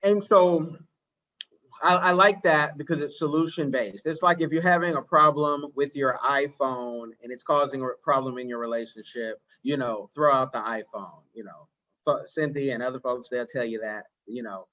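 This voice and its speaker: A man's voice: medium pitch, normal speed, pushed and bright. A middle-aged man hosting a podcast interview, talking in a conversational way and asking long, winding questions. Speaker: podcast host. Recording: muffled, dull audio.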